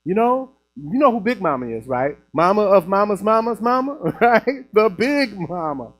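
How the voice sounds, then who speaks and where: A minister from Chicago, his voice pitched high for a man, preaching in a chatty, animated way. He speaks to his congregation inside a church. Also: normal speed, faint music behind, low-quality recording. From Chicago, USA. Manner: animated, conversational preaching with laughs. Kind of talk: sermon. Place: church building.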